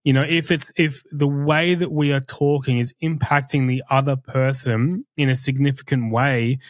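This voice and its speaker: A man co-hosting a podcast speaks at medium pitch with fairly even intonation, candid and earnest in tone. He is confessional and halting, restarting frequently. The studio-quality audio has no room sound.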